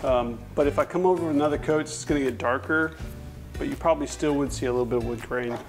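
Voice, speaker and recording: A fast-talking furniture refinisher with a medium-pitched voice narrates casually as he brushes on and wipes off stain, rambling and correcting himself mid-sentence. The scene is an indoor workshop at a paint-spattered table. The lapel-mic audio is poor, with music playing under his voice.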